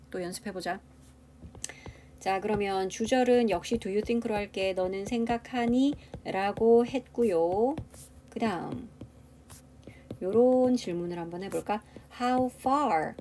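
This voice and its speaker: Working through grammar one step at a time, this English teacher asks her class rhetorical questions in a mellow, fairly high voice. A faint hiss or hum sits under the recording.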